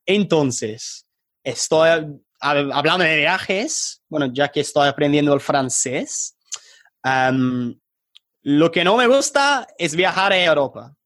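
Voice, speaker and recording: The guest, a startup founder and online tutor from England, speaks Spanish with an English accent, a non-native speaker hesitantly searching for words in a casual podcast interview. His voice is on the high side, slow and fairly bright, in a dry recording.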